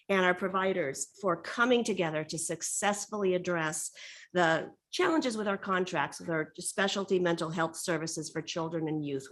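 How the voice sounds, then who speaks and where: A woman chairing a public board meeting, speaking formally and courteously in a halting, pause-filled way. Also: lowish voice. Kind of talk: formal meeting facilitation with spoken remarks.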